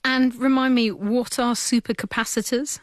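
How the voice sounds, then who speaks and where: A woman's voice: a little high, fairly even intonation, normal speed, dry recording, clean studio sound. A woman hosting a radio science programme, moving between scripted presenting and panel chat. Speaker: science radio show host.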